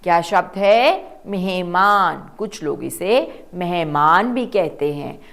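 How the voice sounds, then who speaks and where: A woman teaching children to read, sounding out words slowly syllable by syllable and asking them to repeat. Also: fairly low pitch, lively intonation. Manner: slow, drawn-out syllable-by-syllable pronunciation. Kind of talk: children's reading lesson.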